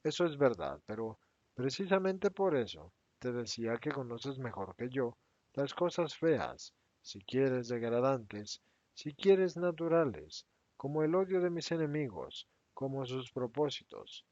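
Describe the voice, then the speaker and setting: A serene, stern teacher who speaks gravely and evenly, lower and quieter than the narration, as a male reader puts him on. His pitch still moves with some life. The sound is dry and slightly muffled. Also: no room sound. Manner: calm, grave, measured, low-voiced. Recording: dry, slightly dull recording.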